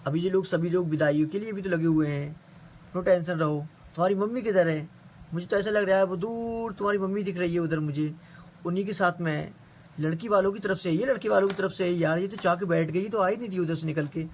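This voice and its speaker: A man performing a casual, improvised doll-play skit with a bustling, chatty delivery. His voice sits a little high for a man, and faint room noise hums behind him. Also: quick pace. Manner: bustling, chatty, says "yaar" often. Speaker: performer voicing dolls in a family skit.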